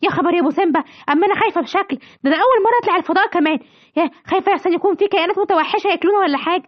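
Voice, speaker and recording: A woman with an Egyptian accent voicing a fussy, fretful mother lioness in a children's story, talking fast and excitably. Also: very high voice. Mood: fearful. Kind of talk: home-made children's story acting. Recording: dull lo-fi recording, faint music.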